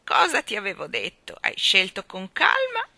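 In a dry recording, a woman reads aloud as a trembling, affectionate old woman who sells balloons. Her medium-pitched, gravelly character voice swoops wildly and quavers, drawing words out in a sing-song with loud endearments and a doting, wistful feel.

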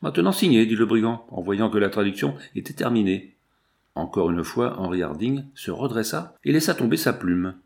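A man narrating an adventure novel as an audiobook in a steady, measured, dramatic manner. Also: mid-range voice, gravelly. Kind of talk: scripted narration.

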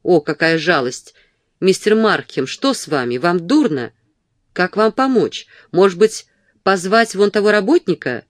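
A coquettish, spiteful young woman, voiced by a woman reading a novel aloud with a lively, rising and falling teasing lilt. Her mockery rides on a fairly low voice, recorded close and dry with no room sound. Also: measured pace, no echo. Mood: mock concern. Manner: teasing, sing-song. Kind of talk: audiobook character reading.

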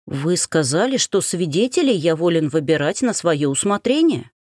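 A woman reading an audiobook, voicing a calm, hoarse police chief who speaks almost apologetically. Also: lowish voice, moderate pace, no room sound, clean studio sound.

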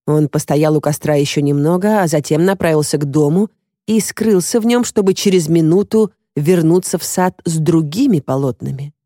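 A woman narrating an audiobook at a measured, even pace. Her voice is low and dark, recorded dry on a close mic. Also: no room sound.

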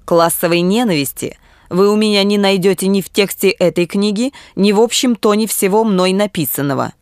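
A woman's voice: mid-range voice, brisk, darkish tone, clear, resonant tone, no room sound, studio quality, lightly acted. A woman voicing a confident man who patiently argues for socialism, in an audiobook reading. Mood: calm, reasoning. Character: earnest confident male socialist thinker, calm debater.

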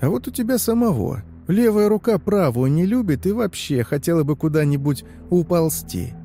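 A man putting on a shrill, creepy old woman. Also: very animated, moderate pace, mellow, faint music behind. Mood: sly taunting. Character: creepy old woman tending a coffin of limbs.

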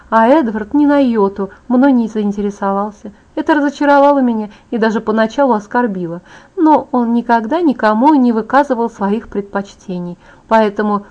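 A woman voicing a proud, beautiful young vampire woman, vain and bitter, in a soft confiding tone. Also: a little high, lightly acted. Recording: dull lo-fi audiobook audio.

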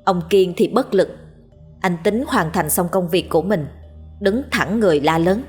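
A woman narrating a ghost story in a steady, measured way. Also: lowish voice, slightly rough. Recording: faint background music.

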